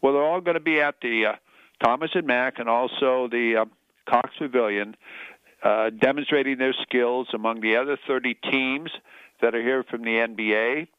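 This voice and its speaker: A man's voice: medium pitch, fairly even intonation, moderate pace, clear, resonant tone, no echo. A man hosting a sports talk radio show, effusive and promotional, repeating phrases for emphasis. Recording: slightly dull, dry radio sound.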